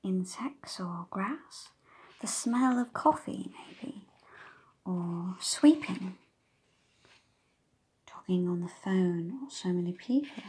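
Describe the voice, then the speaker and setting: A woman with a lowish, mellow, husky voice reads a children's story aloud expressively as an audiobook narrator. She speaks slowly with long pauses, adding engaging questions for her young listeners the way a teacher would.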